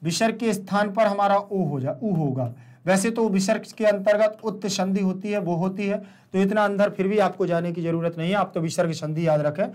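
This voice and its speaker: A man with a Hindi accent teaches a recorded online lesson in a high, slightly mellow voice at a moderate pace. He explains step by step, repeats terms, answers his own questions, and often checks in with "ठीक."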